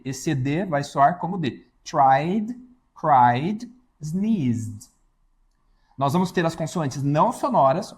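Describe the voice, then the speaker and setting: A man's voice: fairly high pitch, a little mellow, slightly rough. A man teaching an English pronunciation lesson, explaining step by step and asking the viewer questions.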